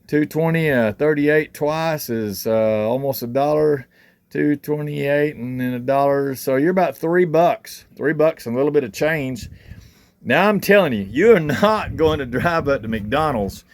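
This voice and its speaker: A man's voice: fairly high pitch, a little slow, dry recording. A man hosting a casual cooking vlog at an outdoor cook shack, talking in a folksy, chatty way and thinking aloud as he works while holding the camera himself. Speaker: home cook and channel host. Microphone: handheld camera.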